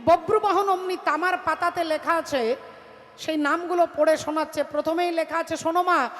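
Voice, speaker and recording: A woman's voice: very high voice, fairly even intonation, moderate pace, fairly bright tone. A woman telling a devotional story in kirtan style, dramatic and acting out the characters. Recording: reverberant hall with music.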